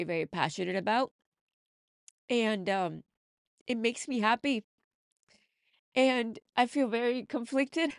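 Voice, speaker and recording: A woman's voice: a little high, gravelly, dry recording, studio quality. A woman hosting her own podcast as a mindset coach, talking earnestly and emphatically to encourage her listeners. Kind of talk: motivational podcast monologue.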